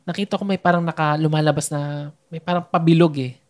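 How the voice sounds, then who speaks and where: A man's voice: on the high side, steady tone, a little fast. A young man in casual chat, recounting a birth as a meandering storyteller who searches for his words. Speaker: new father recounting a birth.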